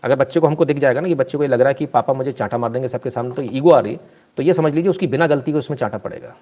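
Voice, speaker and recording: A man giving casual live commentary, reading out viewer comments and telling anecdotes in an animated, scolding manner. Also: medium pitch, racing.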